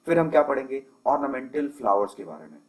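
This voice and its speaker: Speaking fast, with a mid-range voice and big swings in pitch, a young man lectures on agriculture using slides. He patiently clarifies terms, blending English into his Hindi and leaning on fillers often. The recording is rough.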